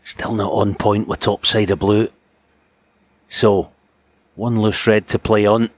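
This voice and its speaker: A man giving hushed, measured snooker commentary as a match commentator. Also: fairly low pitch, flat delivery, slight background noise.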